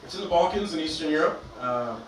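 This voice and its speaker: A man's voice: on the high side, expressive, quick pace, slight background noise. Male stand-up comic from Albania, dry self-deprecating delivery, far from the mic in a reverberant club. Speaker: stand-up comedian. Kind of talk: stand-up comedy set. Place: comedy club stage, performing to a live audience.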